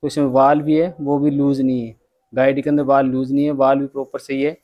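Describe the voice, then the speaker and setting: Flat-voiced mechanic explaining. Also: male voice, medium pitch, fairly quick, lo-fi sound. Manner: plain step-by-step explaining, addresses viewers as friends. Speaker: bike mechanic. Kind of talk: workshop repair tutorial. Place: motorcycle repair workshop.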